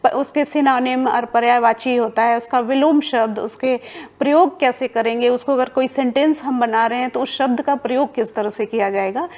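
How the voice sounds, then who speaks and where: High-voiced woman tutoring library science. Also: fairly even intonation, normal speed, a little mellow. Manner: explanatory, mixes English terms into Hindi, frequent fillers. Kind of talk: exam-prep lecture.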